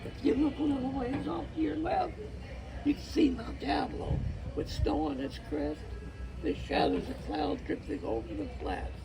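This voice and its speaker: A man with a folksy cowboy drawl, reciting rhyming cowboy poetry like a storyteller in a gravelly voice. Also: very high voice, very animated, moderate pace, music in the background, low-quality recording.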